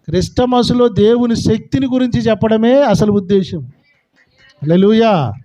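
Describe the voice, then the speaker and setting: Very high-voiced fervent male pastor. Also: moderate pace, dark tone, lo-fi sound. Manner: fervent, calls out to the congregation. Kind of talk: sermon.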